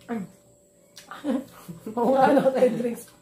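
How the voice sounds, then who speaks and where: A woman's voice: a little high, fairly even intonation, slow, very noisy. A middle-aged Filipino-accented woman, chewing while she chats through a casual food review, politely thinking aloud. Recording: roomy echo.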